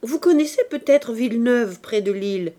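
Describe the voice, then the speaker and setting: A woman narrator gives voice to a fussy old aunt who chatters on in a soothing, high voice. She fusses over her niece in an audiobook reading. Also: animated, normal speed, warm tone, natural voice. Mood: chatty. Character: older woman, fussy retired embroiderer aunt.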